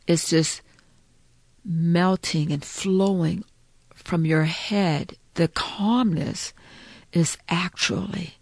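A woman with a fairly low voice guides a breathing meditation very slowly. She is soothing and encouraging, repeating short phrases with halting gaps. The sound is dry and close, with faint music behind her. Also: creaky, darkish tone, no echo.

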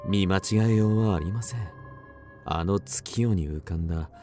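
A man's voice: low voice, moderate pace, warm tone, faint music behind, lightly acted. An actor playing an agitated, obsessed man recounting an eerie mystery in dramatic radio drama narration, with theatrical swings. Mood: ominous recounting. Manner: suspenseful, theatrical, with sudden swings.

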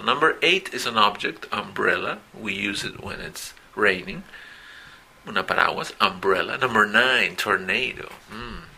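Gravelly, bright-voiced teacher. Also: male voice, fairly low pitch. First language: Spanish. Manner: models English phrases slowly and loudly, often asks "¿ok?". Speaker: English teacher. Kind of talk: recorded vocabulary lesson.

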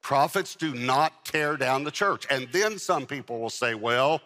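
A man's voice: mid-range voice, animated, measured pace, pushed and bright. A man preaching a sermon to a live congregation as pastor, pressing on key words and repeating them for emphasis. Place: church with a congregation. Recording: long hall reverb.

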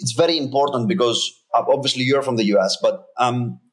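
A mid-range, slightly fast male voice comes from a Greek-born company founder in his thirties. Guesting in a casual interview, he speaks with earnest emphasis and regularly restarts what he's saying.

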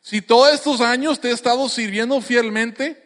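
A man's voice: extremely high pitch, moderate pace, a bit bright, voice pushed up. A man voicing a loyal, long-suffering female donkey who plaintively reproaches her master. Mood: hurt pleading. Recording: long hall reverb.

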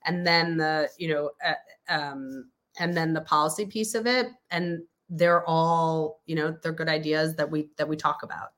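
A woman's voice: sits low, steady tone, moderate pace, fairly bright tone. A woman in her fifties, a guest in a podcast interview, explaining at length with many fillers and restarts. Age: 50s. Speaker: interview guest, company spokesperson. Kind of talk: casual interview chat.

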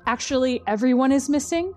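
A woman's voice: high voice, fairly quick, a little mellow. A woman casually recapping a storyline, wry and chatty, with lots of ums and uhs.

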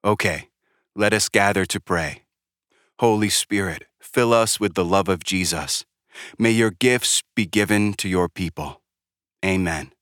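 A man reading the words of a woman volunteer who leads a group in prayer, in a calm, gentle way. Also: deep voice, measured pace, clear, resonant tone, dry recording, clean studio sound. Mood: prayerful.

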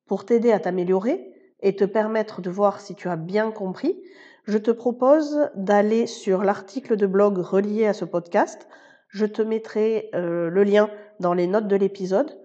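A woman teaches in a scripted podcast lesson, speaking with a warm, mellow voice. She explains each point patiently and addresses the listener informally. The recording sounds slightly dull and muffled. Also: medium pitch, moderate pace. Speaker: Spanish teacher.

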